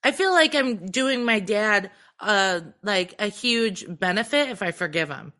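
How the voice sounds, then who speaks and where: Bright-voiced woman chatting candidly. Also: medium pitch, animated, a little slow. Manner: candid, swears freely, lots of fillers. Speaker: podcast co-host. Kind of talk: casual chat.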